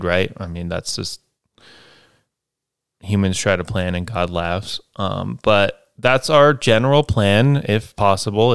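In a clear, resonant voice on the low side, a twenty-something podcast host talks alone about his life plans. His monologue is loose and meandering, full of fillers and tag questions, and the studio-quality audio has no room sound.

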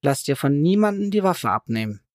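A man doing a deadpan, defiant teenage boy. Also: on the high side, brisk, no echo, studio quality. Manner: flat and deadpan. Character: hostile teenage boy, seventeen, defiant son.

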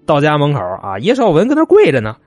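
A man's voice: fairly high pitch, huge pitch swings, fast, a little mellow, dry recording, faint music behind. A man telling a true crime story in a chatty, folksy way, with asides to the listener. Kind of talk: colloquial spoken crime storytelling.

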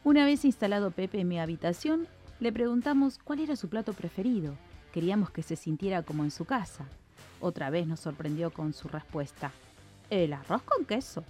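A woman reading a children's story in an expressive, lilting way, with faint music behind. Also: lowish voice, fairly quick.

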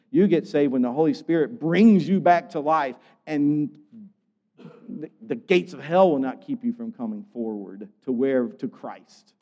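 Older pastor preaching in an echoey hall. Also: male voice, mid-range voice. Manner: lively, conversational preaching with animated voiced quotes. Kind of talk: sermon. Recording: dull sound with long hall reverb.

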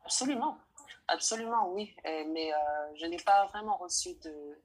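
A nineteen-year-old woman from French Guiana, answering interview questions in a hesitant way, often pausing to search for words. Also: fairly low pitch, husky, low-quality recording.

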